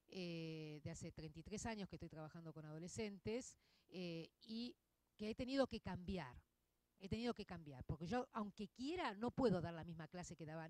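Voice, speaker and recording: Argentine woman in her 50s, veteran literature teacher addressing a room, lively and conversational, dry close sound. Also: mid-range voice, no room sound. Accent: Argentine Spanish. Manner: expressive, frequent tag questions "¿no?" and "¿eh?". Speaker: literature teacher giving a public talk. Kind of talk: conversational lecture to an audience.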